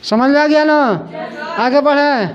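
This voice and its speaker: Male teacher going over grammar with a class, slow, repeats everything, kinda muffled lo-fi sound. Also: very high-pitched, a faint crowd. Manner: slow and repetitive, drilling students with questions. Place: classroom with students. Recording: dull lo-fi classroom recording.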